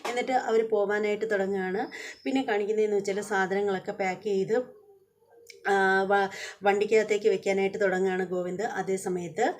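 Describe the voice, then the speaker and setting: A woman rattles through a recap of a serial episode at a brisk clip. Her pitch sits in an ordinary middle range. She fills the gaps with hesitation sounds and restarts as she retells the scenes. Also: steady tone, a little mellow. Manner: fast retelling with frequent filler sounds and restarts. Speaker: serial review narrator. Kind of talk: casual episode recap narration.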